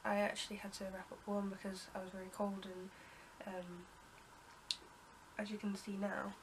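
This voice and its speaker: A young British vlogger, bunged up with a cold, tells a casual story to camera in a flat, medium-pitched voice at normal speed. She rambles, with many ums and restarts, and coughs and clears her throat. Background noise is present.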